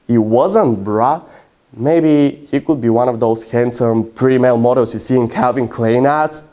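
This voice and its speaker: A man's voice: medium pitch, natural voice. A young man as brash cocky storyteller. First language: Bulgarian. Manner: dramatic storytelling with sudden loud outbursts. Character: brash self-mocking young male womanizer. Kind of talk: competitive prose interpretation.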